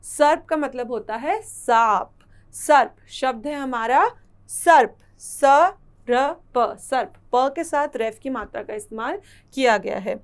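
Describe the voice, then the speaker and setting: A woman teaching a children's lesson, explaining slowly and carefully and repeating each word. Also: a little high.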